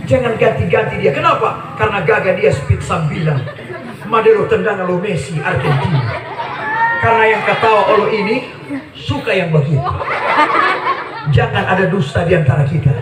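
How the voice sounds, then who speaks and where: A man preaches in a high, bright voice, joking his way through a sermon. The recording sounds roomy and distant, with a gathered crowd and background noise audible. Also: moderate pace. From Gorontalo, Indonesia. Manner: joking, playful, draws laughs. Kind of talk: humorous sermon at a community gathering.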